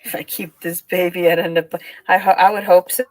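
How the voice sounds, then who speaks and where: A woman's voice: lowish voice, flat delivery, brisk, dry recording. A woman speaking in an aggrieved, profane way, heard in a video clip whose playback skips and repeats her phrases. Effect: glitching playback that skips and repeats phrases.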